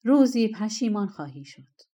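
A woman's voice: medium pitch, big pitch swings, mellow, pitched above the performer's own voice. A woman voicing an ancient bearded male treasure spirit of the mountains, harsh and scornful, in a storybook reading. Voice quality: harsh, rough. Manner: scornful, insistent.

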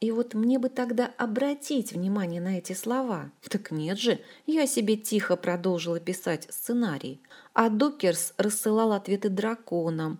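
A woman's voice: mid-range voice, normal speed. Wry woman narrating an audiobook. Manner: wry, expressive storytelling. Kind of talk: first-person audiobook narration.

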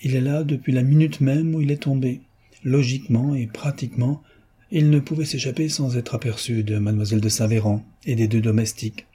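A man's voice: mid-range voice, little pitch movement, fairly quick, warm tone, breathy edge, natural voice. A man voicing an eager young amateur detective, insistent and fervent, in a storybook reading. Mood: reasoning.

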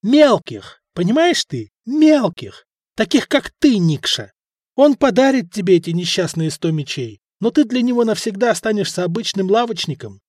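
A sarcastic, irritable former Roman officer, played by a male reader, in a storybook reading. He scolds in a high, lively voice. The recording is dry and close. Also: moderate pace, no room sound. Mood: scornful.

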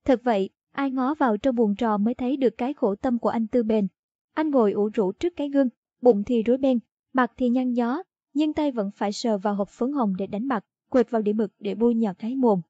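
Woman reading a short story out loud, kinda husky and mellow, dull lo-fi sound. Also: a little high, fairly quick, no echo. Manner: steady storytelling narration. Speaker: narrator. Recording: dull lo-fi dry audio.

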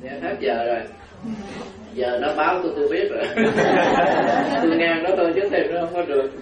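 A Buddhist monk with a slightly high voice speaks briskly in a humorous storytelling sermon, laughing as he tells anecdotes. The recording is roomy, distant, and dull, made in a hall with an audience whose laughter and faint crowd sounds can be heard.

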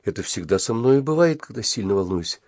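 A man narrating a first-person story at a measured pace. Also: on the low side, animated, a little mellow, no echo. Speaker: audiobook reader.

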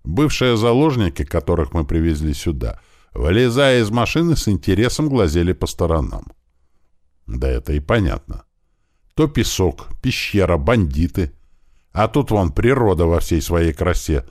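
Male audiobook narrator, very deep, dry close sound. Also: sing-song, moderate pace, a little mellow, no echo.

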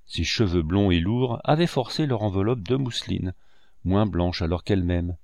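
A man with a fairly low voice reading literary prose aloud, measured and expressive, in the manner of a classic audiobook. The recording is dry and close, with no room sound. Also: vocal fry, dry recording. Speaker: audiobook reader.

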